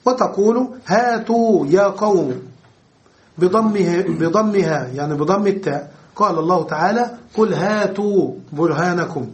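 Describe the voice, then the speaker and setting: A man's voice: high-pitched, normal speed. A man teaching Arabic grammar in a lecture, explaining terms by repeating and rephrasing them and checking that students follow.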